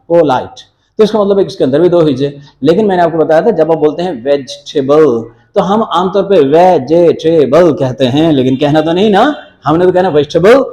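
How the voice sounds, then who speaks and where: Man teaching a grammar lesson, high voice, mellow tone, explains step by step, repeats words to drill them. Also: rough recording. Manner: explains step by step, mixing in English phrases. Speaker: English teacher. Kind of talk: grammar lecture.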